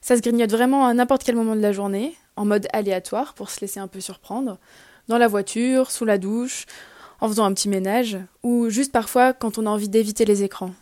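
A woman reading her regular radio column in a chatty, upbeat way, pausing on fillers now and then. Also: on the high side, fairly even intonation, dark tone, no echo, studio quality. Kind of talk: scripted podcast recommendation.

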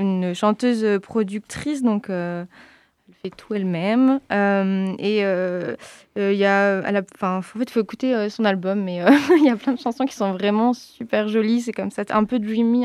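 A woman is being interviewed on radio and answers at length, hesitating often and filling pauses with small sounds as she goes. Her voice is smooth and resonant, and the sound is dry and close, with no room around it. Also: medium pitch, darkish tone, no echo. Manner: hesitant, many fillers. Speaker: radio guest. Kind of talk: casual interview talk.

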